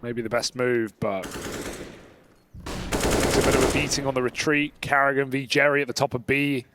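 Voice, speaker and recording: A male esports caster with a mid-range voice talks through the match in a conversational, analytical manner. Loud gunshots, artillery and clicks from the game sit behind him. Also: medium pitch, level tone, normal speed, noisy background. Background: gunfire and clicks from a video game.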